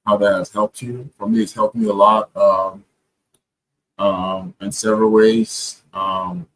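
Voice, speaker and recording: A man's voice: on the low side, level tone, a little slow, fairly bright tone, poor audio. A man talking casually to camera, earnest and reflective, with frequent hesitations and restarts. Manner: hesitant, many ums and restarts. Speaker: vlogger.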